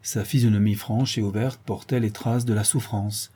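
A man's voice: fairly even intonation, normal speed, dark tone, breathy edge. A man narrating a short story aloud, giving each character a slightly different voice. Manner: shifts pitch for the characters' lines. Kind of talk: audiobook reading with voiced dialogue.

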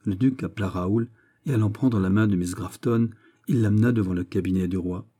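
A man narrating a classic novel as an audiobook reader, in a measured, even manner. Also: fairly low pitch, husky.

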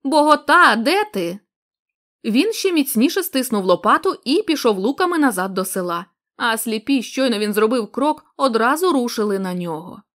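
A woman narrating a literary story as an audiobook, measured and expressive. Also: on the high side.

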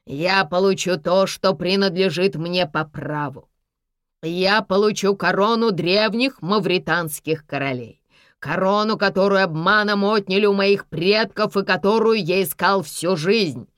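A woman's voice: mid-range voice, unhurried, fairly bright tone, smooth, no echo, clean studio sound, lightly acted. A woman voicing a ruthless older man who threatens and barks orders in a mocking tone. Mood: menacing. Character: ruthless older man, menacing villain with a revolver.

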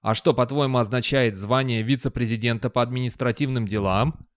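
A man voicing a pushy, fast-talking male con-man producer who wheedles and persuades. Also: medium pitch, steady tone, no room sound, studio quality, close to an everyday voice. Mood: wheedling.

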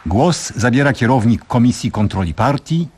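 A man's voice: mid-range voice, animated, moderate pace, darkish tone, husky. An actor playing a dry meeting chairman in a radio drama who formally announces each speaker.

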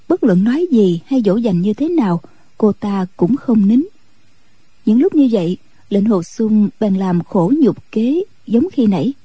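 Brief: calm woman story narrator, very dark mellow tone, dry close mic. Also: mid-range voice, slightly rough, no room sound. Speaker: audiobook narrator.

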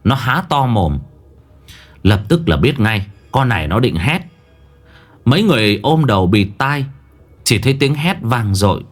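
A man's voice: medium pitch, very animated, a little slow, pauses often, faint music behind. A man narrating a horror story with dramatic, suspenseful delivery.

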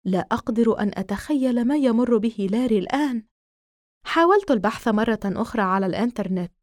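A woman narrating a first-person horror audiobook in a steady, measured way. Her voice is somewhat high, and the recording is close and dry. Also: no echo.

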